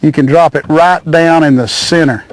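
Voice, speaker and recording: Excitable man fishing from a boat. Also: on the high side, normal speed. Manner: excitable, hollers and coos at the fish. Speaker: fishing show host. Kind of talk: excited outdoor fishing commentary. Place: small boat on a lake outdoors.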